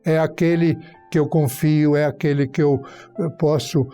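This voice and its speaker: Casting note: male grammar teacher, high and mellow voice, methodical, works through example sentences. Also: steady tone, normal speed, faint music behind. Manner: teacherly, illustrating points with spoken example sentences. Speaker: Portuguese teacher guest. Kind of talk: explaining grammar on a church talk program.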